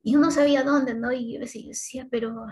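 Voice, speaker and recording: Woman, fairly high voice, faith testimony, conversational, heartfelt, halting, restarts. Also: fairly even intonation, darkish tone, poor audio. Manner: heartfelt and halting, with frequent restarts and a tag question. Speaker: mother giving a faith testimony.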